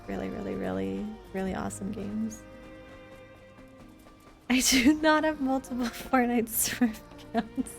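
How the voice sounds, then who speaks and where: A woman live streams a video game indoors, chatting casually and answering her viewers as she plays, with music behind her. Her voice is on the high side, gravelly and darkish in tone.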